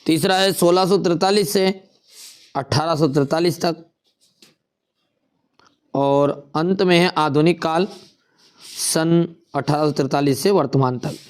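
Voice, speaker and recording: Clear-voiced teacher. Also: male voice, on the high side. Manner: repeats key answers slowly as if dictating. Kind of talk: exam paper walkthrough.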